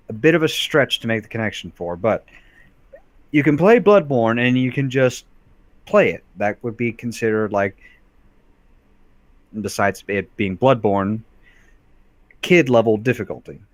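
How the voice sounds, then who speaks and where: A man's voice: medium pitch, lively intonation, normal speed, long pauses, no echo. A young man co-hosting a game playthrough, rambling through points with many fillers and repeated phrases. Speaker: co-host of let's play. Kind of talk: casual let's play banter.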